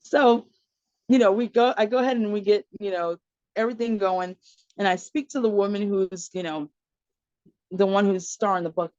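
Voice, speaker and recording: Here a mother of four, appearing as a podcast guest, tells a personal story at normal speed in a medium-pitched voice. She's an animated storyteller, performing the dialogue others said to her, with laughs and fillers mixed in. There's no room sound, and the high frequencies are cut off.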